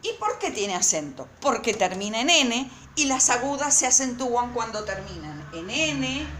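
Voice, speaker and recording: A woman teacher giving a recorded lesson to her students, speaking slowly and emphatically and repeating words syllable by syllable. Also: on the high side, very animated, a bit bright, echoey room, slight background noise.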